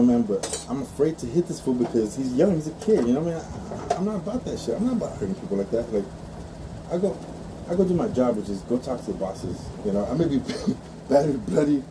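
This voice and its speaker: A man's voice: mid-range voice, noisy background. A man telling a fight story casually and profanely while working on a bike outdoors, laughing as he goes.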